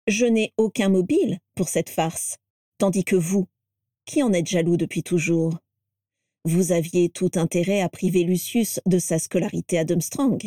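A mischievous witch speaks in a mellow, low-lit tone, amused and sure of herself, as a woman narrator voices her. The delivery is close and dry, with no room sound. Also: moderate pace, no echo, lightly acted. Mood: sly. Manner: sly, amused, confident.

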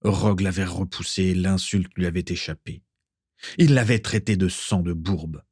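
Brief: low male narrator, dry close sound, steady storybook reading. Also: moderate pace, breathy edge, dry recording. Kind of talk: audiobook reading of fan fiction.

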